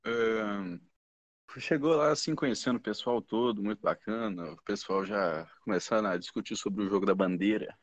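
A young man with a Brazilian Portuguese accent rambles through stories as a podcast guest, leaning on slang fillers in a casual chat. His voice is fairly low and at normal speed, and the dry podcast audio sounds dull and muffled.

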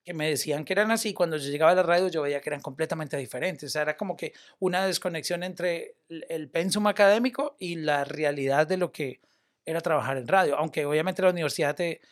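High-voiced man chatting casually. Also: fast talker. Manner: animated, loose, sprinkles English words. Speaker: media personality and former radio host. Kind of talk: casual podcast chat.

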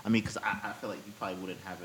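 A man's voice: on the low side, flat delivery, very fast, fairly bright tone, slightly rough. A man hosting a podcast interview, talking in a loose, blunt way and swearing freely. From United States. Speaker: podcast host. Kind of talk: casual conversational interview.

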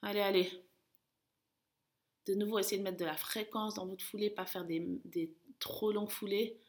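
A woman working as a running coach, guiding an interval session with urging, encouraging calls and countdowns in a creaky voice. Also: medium pitch, fairly even intonation, fairly quick. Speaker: running coach and podcast host. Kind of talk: guided interval-training coaching. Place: at home, indoors.

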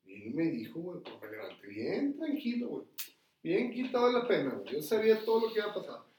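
A man's voice: fairly high pitch, huge pitch swings, fast talker, darkish tone. A man with a Mexican accent telling a story in casual chat, swearing freely and tagging nearly every phrase with slang. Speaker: podcast storyteller. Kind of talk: casual storytelling among friends. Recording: roomy echo, mic at a distance.

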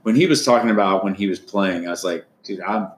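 Deep-voiced man in his thirties, rambling. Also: fast, echoey room, a little hiss or hum. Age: 30s. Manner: rambling, repeats words, many restarts. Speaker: podcast co-host. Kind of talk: casual sports chat.

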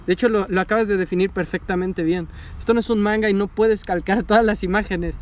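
A man, recapping a show with loud, animated enthusiasm. He talks casually and swears freely as the excitement builds. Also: high voice, fast. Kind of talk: casual chat recapping an anime.

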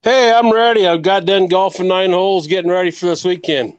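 Higher-pitched man on a dull, dry call. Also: fairly even intonation, a little fast, smooth, dry recording. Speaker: tractor pull committee member, remote guest. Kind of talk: casual chat. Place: remote call from a golf course.

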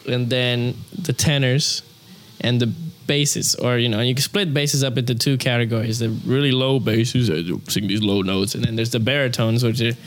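A young opera singer, appearing as an interview guest, talks casually and rambles with many fillers. His mid-range voice holds a steady tone at normal speed.

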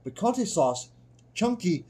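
A man's voice: sits high, very animated, slow, warm tone. A man in casual conversation, giving blunt opinions and swearing freely. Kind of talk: casual chat about food.

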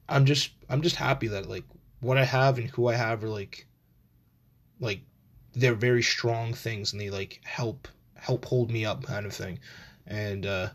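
A man's voice: mid-range voice, a bit bright. A man, hosting a solo podcast in an informal, meandering, slangy way. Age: 20s. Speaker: podcast host. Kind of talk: casual rambling solo chat.

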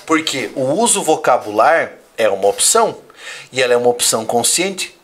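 A man who teaches Portuguese, a father, hosting a casual live chat, reading viewer comments and explaining language use in a measured way. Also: medium pitch, big pitch swings, a little hiss or hum. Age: adult, father of a young child.

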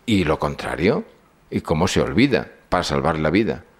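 Deep-voiced older man from Spain, lecturing. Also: very animated, normal speed. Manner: storytelling, acts out dialogue. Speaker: speaker on psychology and symbolism.

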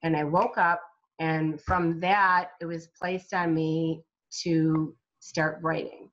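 Woman guest, author, slow halting testimony, low voice, muffled recording. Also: steady tone, fairly bright tone. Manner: halting, with many restarts and fillers. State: recovering from a brain injury. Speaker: guest, self-published author. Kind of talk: personal testimony in an interview.

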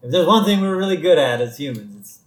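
A man's voice: on the high side, big pitch swings, quick pace, reverberant, low-quality recording. A man co-hosting a podcast, casually recapping a cartoon episode and musing aloud with questions about it. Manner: muses aloud and asks questions about the plot. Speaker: podcast co-host.

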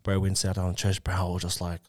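A man's voice: low-pitched, monotone, very fast, darkish tone, dry recording, studio quality. A man with a broad New Zealand accent telling a candid personal story in casual, slangy talk. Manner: slangy, often tagging sentences with "bro" and "eh". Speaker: interview guest.

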